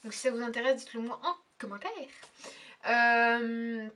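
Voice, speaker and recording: A woman's voice: on the high side, little pitch movement, moderate pace, pushed and bright, recorded from a distance. A young woman chatting casually in a beauty tag video, hesitant and full of fillers. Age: young adult. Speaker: beauty vlogger.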